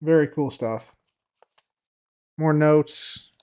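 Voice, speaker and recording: Speaking very slowly, a man with a fairly high, clear and resonant voice answers viewer questions on a casual live stream, first reading them aloud from chat. He rambles and repeats himself with many fillers, his voice a little tired from heavy use, and lets the ends of phrases fade quietly.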